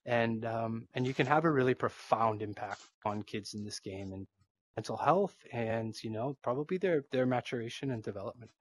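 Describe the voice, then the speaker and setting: Man, Boston accent, interview guest, rambling casual talk, mid pitch. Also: normal speed, slightly rough. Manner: rambling, filler-heavy, animated.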